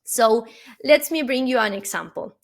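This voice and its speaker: This is a native Spanish speaker from Argentina giving an earnest webinar keynote in accented English. Her fairly high, expressive voice moves at normal speed with some vocal fry, and she leans on "uh" fillers and questioning "no?" tags.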